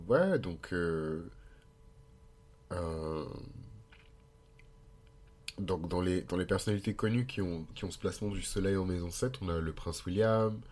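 A man's voice: sits low, a little mellow. A Frenchman with a French accent and a nasal, congested voice from a blocked nose, talking casually and hesitantly as he explains things as a podcast host. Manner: informal, hesitant, thinking aloud. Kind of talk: casual explanatory monologue with digressions.

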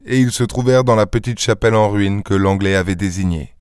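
A male audiobook narrator telling a story in a measured, even way. His voice is smooth and resonant, and the recording is dry and close. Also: on the low side, no room sound.

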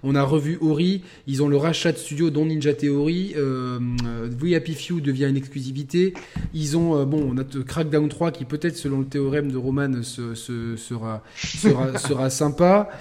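A man hosting a casual gaming podcast, talking with animated stops and restarts. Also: on the high side, moderate pace. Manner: animated, stumbling restarts, laughing storyteller. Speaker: podcast host.

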